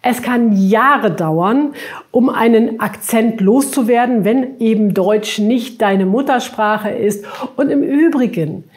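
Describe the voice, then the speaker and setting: A woman with a somewhat high voice teaches pronunciation as a speech trainer. She speaks clearly and deliberately, stretching out sounds to demonstrate them. She talks to the viewer in a friendly, direct way. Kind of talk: instructional video lesson.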